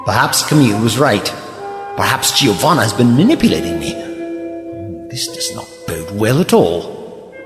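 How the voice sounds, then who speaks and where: A man's voice: mid-range voice, wildly swooping pitch. Guy playing eccentric thoughtful doctor, very swoopy formal delivery, echoey hall, music underneath. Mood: pensive, troubled. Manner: measured, formal, musing. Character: thoughtful, eccentric time-travelling male doctor. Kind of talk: audio drama acting.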